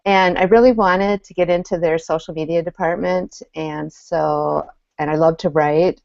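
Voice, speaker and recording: A woman's voice: lowish voice, fairly even intonation, normal speed, vocal fry, a little mellow, no room sound. A middle-aged woman with a Minnesota accent, chatting on a panel video call. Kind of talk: casual panel chat. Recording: dry muffled video call audio.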